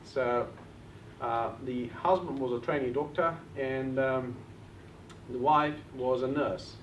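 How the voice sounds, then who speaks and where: Speaking slowly at a medium pitch, this man from Bulgaria delivers a live seminar with a Bulgarian accent, animatedly questioning the audience directly. He's in a meeting room with listeners present. The audio has room echo, a far-off microphone, muffling, and a faint hiss.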